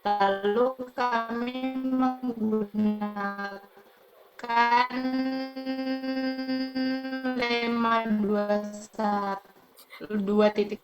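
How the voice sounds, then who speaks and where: A woman's voice: mid-range voice, fairly even intonation, over loud music. Woman student, video-call presenter, choppy glitching audio, dull lo-fi line. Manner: halting, slowed and stretched by the connection. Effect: choppy, glitching video-call audio that breaks up and drags. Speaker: student presenting in an online class. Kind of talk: academic group presentation.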